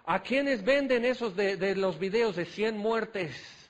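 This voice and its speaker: A man's voice: high voice, expressive, takes it slowly. A man preaching a sermon, folksy and self-deprecating, hammering home points with repeated questions. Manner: rhetorical, repetitive questioning.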